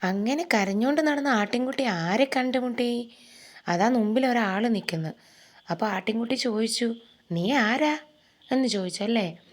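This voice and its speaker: A woman with a Malayali accent teaching a first-grade lesson to young children, talking slowly in a sing-song storytelling way. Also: on the high side, a little hiss or hum.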